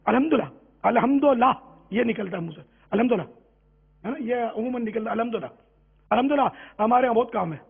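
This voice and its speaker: Raspy high-voiced man preaching over a tinny line. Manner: exhorting, slowly drawn-out demonstration of Arabic phrases. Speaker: religious teacher. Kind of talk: religious talk on Quran recitation. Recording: tinny phone-like lo-fi sound.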